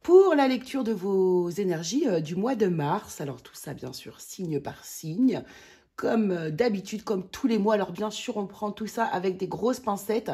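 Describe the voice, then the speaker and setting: A woman from France giving a casual monthly tarot reading, chatty, with many hesitations and excited exclamations over the cards. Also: mid-range voice, measured pace, breathy edge. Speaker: tarot reader.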